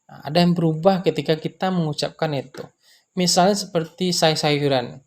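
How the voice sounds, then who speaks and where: Man explaining like a patient teacher. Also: a little high. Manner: unhurried, repeats example words, many fillers. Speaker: language teacher. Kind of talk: explanatory lecture.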